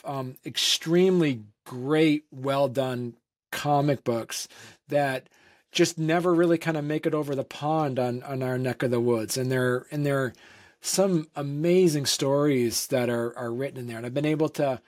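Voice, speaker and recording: A man from Vermont, a comic creator, answering interview questions in a rambling casual way, with many fillers and restarts. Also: mid-range voice.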